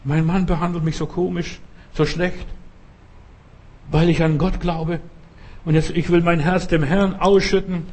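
A man preacher voicing a desperate, tearful woman pleading to God in a high, wailing voice. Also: level tone, unhurried, long pauses, a little mellow.

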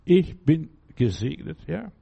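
A male preacher delivers a sermon full of repeated affirmations, constantly asking the listener "verstehst du" to make sure they follow. His voice is a little high, very animated, slow, warm, and slightly rough with vocal fry, and the recording is dull and lo-fi.

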